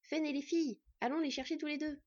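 A woman's voice: high-pitched, steady tone, fast talker, a little mellow, voice pushed up, lightly acted. A woman voicing a hot-headed young half-elf man who talks in raised, indignant outbursts. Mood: pleading. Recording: dull lo-fi, dry.

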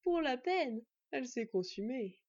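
A woman's voice: sits high, sing-song, unhurried, darkish tone, dry recording, heavily acted. A woman voicing a malicious, mocking male trickster thief who speaks slyly, on a dull lo-fi recording. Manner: sly, mocking.

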